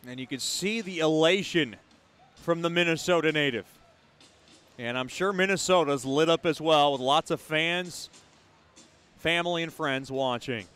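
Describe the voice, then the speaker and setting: A man's voice: on the high side, measured pace, a bit bright, clean tone, faint music behind. A man giving live hockey commentary as play-by-play announcer, describing the action in short, clipped phrases.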